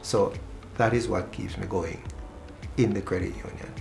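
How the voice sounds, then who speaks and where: A man's voice: sits low, fairly even intonation, normal speed. A man who works at a credit union, speaking earnestly about members and sometimes stumbling over repeated words. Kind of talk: interview answers. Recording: music clearly behind.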